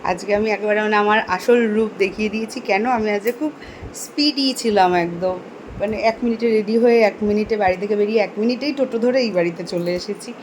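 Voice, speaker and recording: A young woman vlogger talking casually and quickly about her day, chatty and excited. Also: medium pitch, slight background noise, low-quality recording. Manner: fast, chatty talker. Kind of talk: casual daily vlog talk.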